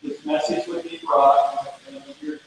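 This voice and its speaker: A man's voice: extremely high pitch, sing-song, measured pace, vocal fry, a little hiss or hum. A man giving chatty church announcements in a sanctuary. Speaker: church leader making announcements. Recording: echoey church hall from far off.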